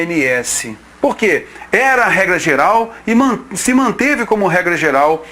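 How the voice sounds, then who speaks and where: High-voiced male teacher. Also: pushed and bright. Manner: informal, checks in with "tá ok?"; lists example words one by one. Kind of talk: exam-prep grammar lesson.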